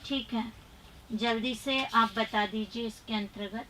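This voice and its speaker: A high-pitched woman runs a live exam-prep grammar class. She reads questions and their options quickly, urges students to answer, and chides them for rote learning in an emphatic teacher's tone. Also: fairly even intonation, pushed and bright, a little hiss or hum. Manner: brisk quizzing, reading options and answers aloud; chiding, emphatic.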